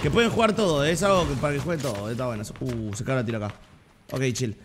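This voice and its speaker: A young Argentine man streaming a game live, chatting in slang, repeating himself and breaking into sudden loud outbursts. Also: medium pitch, very fast, noisy background. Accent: Argentine Spanish. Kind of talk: live gameplay streaming chat.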